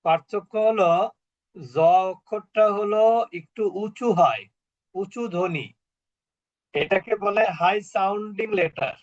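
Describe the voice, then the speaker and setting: Slow high-voiced man teaching online. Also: lively intonation, muffled recording. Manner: slow, patient, quizzes the class with questions. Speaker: Quran recitation teacher. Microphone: video call.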